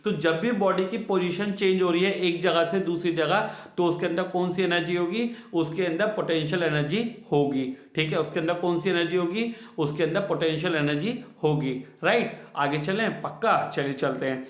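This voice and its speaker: Male physics tutor, fairly high voice, on terms, quizzing and repeating answers, echoey room. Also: normal speed, hardly any pauses. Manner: repeats each key answer twice, asks the students questions. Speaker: science teacher. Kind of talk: classroom physics lesson.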